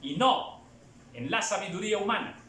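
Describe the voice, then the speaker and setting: A man preaching a sermon, moving between hushed and loud passages and acting out other voices. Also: high voice, expressive, moderate pace, echoey room, a little hiss or hum. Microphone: camera at a distance.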